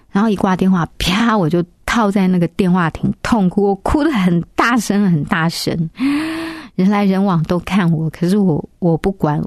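A woman, recounting a personal story in a soft, reflective way. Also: on the low side, no echo, clean studio sound. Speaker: interview guest. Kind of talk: personal testimony.

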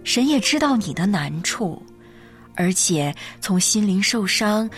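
A woman voicing a soft, gentle female friend. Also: on the low side, expressive, a little slow, faint music behind. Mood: soothing. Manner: soft-spoken, soothing.

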